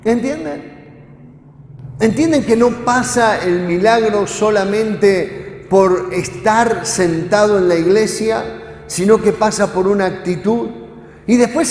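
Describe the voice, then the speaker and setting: Male pastor, high and very lively delivery, chatty questions to the congregation, recorded in a reverberant church hall. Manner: animated, conversational, keeps asking the congregation questions. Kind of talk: sermon.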